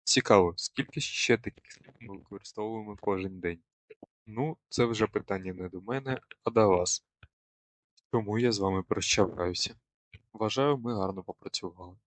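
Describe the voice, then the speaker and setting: Young male student presenter, lowish voice, dry close sound, didactic delivery. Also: moderate pace, a bit bright, no echo. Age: young adult. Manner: didactic, quizzes the viewer. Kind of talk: scripted educational presentation.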